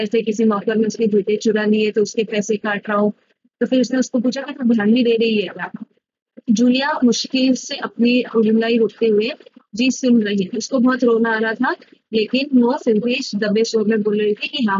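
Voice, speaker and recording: A woman's voice: fairly high pitch, a little mellow. A woman teacher reading a story aloud and then retelling each line in casual speech. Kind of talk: reading and explaining a story lesson. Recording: slightly dull lo-fi recording.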